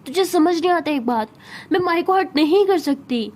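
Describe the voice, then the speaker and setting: A woman's voice: extremely high pitch, lively intonation, moderate pace, darkish tone, pitched above the performer's own voice. A woman voicing a sad, withdrawn young female student who pleads to be left alone. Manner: weary, pleading.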